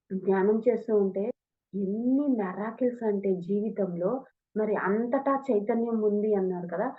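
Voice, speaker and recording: A woman who teaches meditation, telling her own experiences in an earnest storytelling way and acting out bits of dialogue. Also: mid-range voice. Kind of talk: testimonial talk. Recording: narrow phone-like sound.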